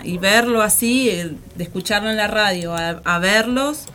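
A woman's voice: medium pitch, normal speed, pushed and bright. A woman from Argentina hosting a casual radio interview, chatty and emotional as she asks her questions. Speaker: radio host.

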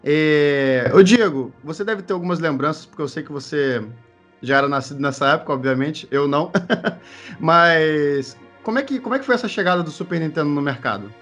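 A man's voice: a little high, animated, brisk, a bit bright, faint music behind. A man with a Brazilian Portuguese accent co-hosting a casual podcast in an informal, teasing way. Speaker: podcast co-host.

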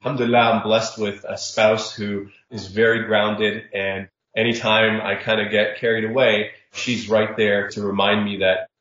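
A man born in Saudi Arabia talks through his views as a startup founder, calm and reflective. His voice sits a little low. The recording is dull, lo-fi, and echoes in the room. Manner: reflective, measured, sprinkles religious phrases. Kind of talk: conversational interview answers. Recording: roomy, dull lo-fi audio.

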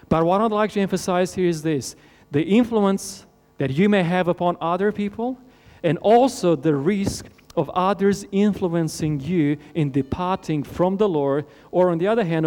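In a recording marked by long hall reverb and mains hum, a Romanian pastor preaches, asking earnest rhetorical questions and letting his phrases trail off low and soft.

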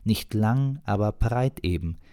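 A man's voice: lowish voice, lively intonation, slow pace, warm tone, no room sound, studio quality, pitched above the performer's own voice. A man voicing a talkative village woman who chats unbothered and bosses the young cook about. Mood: chatty. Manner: chatty, bossy, unbothered. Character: chatty bossy village woman.

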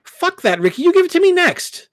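A man's voice: very high-pitched, a little fast, no room sound, studio quality, pitched above the performer's own voice, heavily acted. Brash bubbly young woman, as a man puts her on. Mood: excited, teasing. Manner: excited, blunt, teasing. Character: perky loud young woman, library clerk, brash and swearing.

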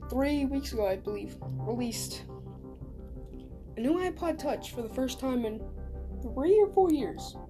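A woman talking casually and self-deprecatingly in a rambling solo podcast, recorded in a small home bathroom. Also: fairly high pitch. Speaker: podcast host.

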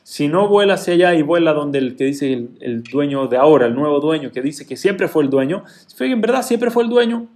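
A man telling a parable as a sermon, acting out each character with lively swings in pitch and loudness. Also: fairly quick, hardly any pauses. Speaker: rabbi or teacher telling a parable. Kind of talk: animated parable storytelling.

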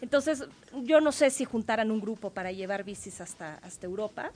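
A woman with a Mexican Spanish accent, a guest on a radio show, talking in an upbeat, encouraging way with quick bursts. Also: mid-range voice, expressive, a little mellow, slight background noise. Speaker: radio guest, cyclist and triathlete. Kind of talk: casual radio interview.

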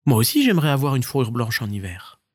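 A man's voice: mid-range voice, very animated, quick pace, a little mellow, breathy edge, no echo, studio quality. A man voicing a small, curious and timid marmot for a children's storybook, speaking in a wondering, shy way.

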